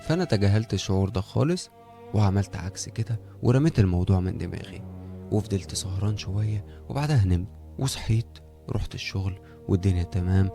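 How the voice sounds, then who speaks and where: A young Egyptian man with an Egyptian Arabic accent, telling a first-person horror story in a casual, animated way and acting out the dialogue. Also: low-pitched, fast, music in the background. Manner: conversational, animated, acts out dialogue.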